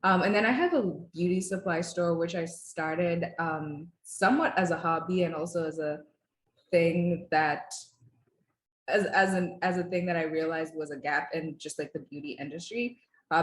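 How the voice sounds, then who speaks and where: A young woman from Uganda speaks in a low, easy voice, sharing her own story in a relaxed testimonial. She talks conversationally, often pausing on fillers and starting sentences over. The room has a noticeable echo, with a faint hum of ambience behind her. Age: 20s. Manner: conversational, many fillers and restarts. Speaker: client giving a testimonial. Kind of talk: casual testimonial interview.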